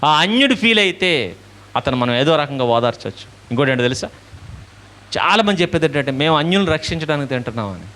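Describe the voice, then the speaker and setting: A man's voice: a little high, big pitch swings, fast, a bit bright. A male preacher giving a sermon, asking questions and answering them himself while acting out little dialogues.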